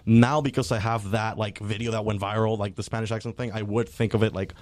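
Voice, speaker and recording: A man's voice: lowish voice, fairly even intonation, no echo. A man in his thirties from Mexico, a guest comedian chatting casually on a podcast and saying "like" a lot. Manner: rapid, full of "like" fillers.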